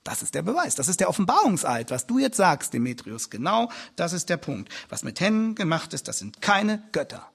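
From a church pulpit, a male pastor preaches in a voice that's a little husky and fairly high. He drives his points home by repeating phrases and building the emphasis upward.

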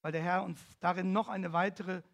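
A man's voice: high voice, steady tone, normal speed, fairly bright tone. A man preaching a sermon, reading a story aloud and driving key phrases home with emphatic, swelling declamation. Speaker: pastor.

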